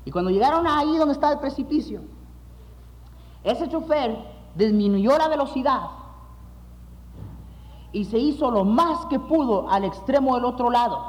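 A man preaching as pastor, emphatic, repeating phrases for weight and dropping low at the ends of phrases. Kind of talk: sermon with illustrative stories. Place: church sanctuary. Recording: long hall reverb.

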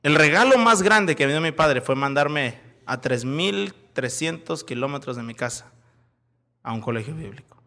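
High, bright-voiced preacher. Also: male voice, moderate pace. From Mexico. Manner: animated, swings from loud calls to quiet asides; folksy and joking. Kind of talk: sermon with storytelling.

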